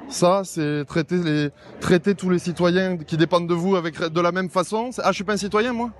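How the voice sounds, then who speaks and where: A man confronting an elected official at an outdoor market, insistent and sarcastic, firing quick retorts in a phone recording. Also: high-pitched, fairly even intonation. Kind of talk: heated street confrontation.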